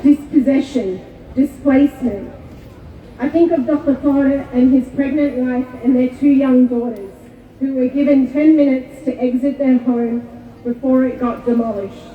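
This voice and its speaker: A woman born in Kuwait giving a measured, solemn prepared speech to an outdoor rally. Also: sits high. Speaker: rally speaker. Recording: echoey far-off PA with tinny sound.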